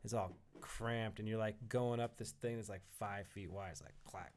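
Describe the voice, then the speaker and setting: A man's voice: lowish voice, fairly even intonation, normal speed, a little mellow, slight background noise. A man in a casual podcast conversation, rambling, laughing often and swearing now and then. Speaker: podcast guest or co-host. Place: indoor podcast recording in Colorado.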